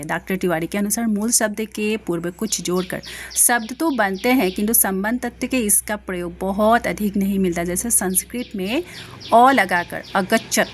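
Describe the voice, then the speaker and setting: A woman's voice: mid-range voice, a little hiss or hum. A woman teacher explaining grammar notes in a lecture, with many fillers and checks on understanding. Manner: explains each example, asks "ठीक है ना" often, many fillers. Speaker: Hindi teacher.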